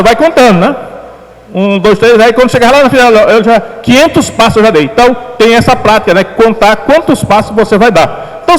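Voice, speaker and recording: A man preaching a sermon as pastor, talking in a conversational way and often tagging his sentences with a quick question. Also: very high-pitched. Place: church hall. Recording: long hall reverb.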